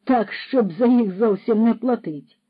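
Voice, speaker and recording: Pompous, loud-lecturing male horse thief, put on by the audiobook narrator, a bit higher than the narration, dull dry storybook audio. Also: a little slow, slightly rough, no echo.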